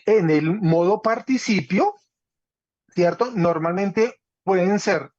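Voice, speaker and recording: A man with a somewhat high voice teaches a class online. He is patient and keeps checking that his students follow. The call audio is dry and a little muffled. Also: slow pace, a little mellow, dry recording. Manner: patient, checks understanding with "¿cierto?". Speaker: Greek teacher. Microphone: video call.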